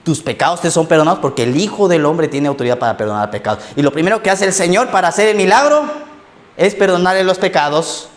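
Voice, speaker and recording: A man's voice: sits high, animated, quick pace. A man preaching a sermon as a pastor in a church, telling stories and acting out quoted lines, often checking in with the congregation.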